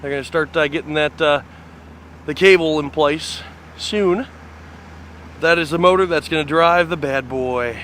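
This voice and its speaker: A man's voice: a little high, a little slow, pauses often, a bit bright, slight background noise. Enthusiastic man on an outdoor site tour. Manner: enthusiastic, rambling with fillers. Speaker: fan site video host. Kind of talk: casual walking site tour.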